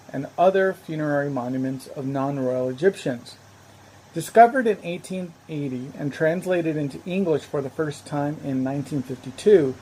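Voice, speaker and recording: A measured, explanatory narrator delivers scripted educational narration in a warm, mellow tone. A faint hiss sits behind the voice. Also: mid-range voice, poor audio.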